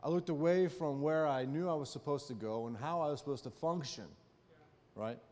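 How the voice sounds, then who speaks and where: Storytelling pastor in a reverberant hall. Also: male voice, fairly high pitch, brisk, darkish tone. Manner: folksy storytelling, frequent "right?" asides. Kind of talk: sermon.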